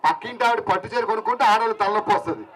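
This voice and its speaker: A man's voice: high-pitched, fairly bright tone, rough recording. A man with a Telugu accent anchoring an outdoor event on a stage mic, trading teasing comic banter with the audience. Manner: teasing, quick comic patter. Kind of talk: joking stage emcee banter. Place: outdoor picnic event crowd.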